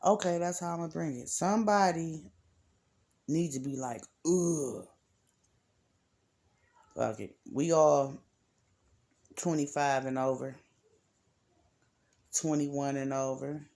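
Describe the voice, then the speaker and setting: A woman's voice: low voice, a little slow, pauses often, warm tone. A woman giving a casual, rambling reading to her viewers, blunt and cursing freely. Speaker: card reader.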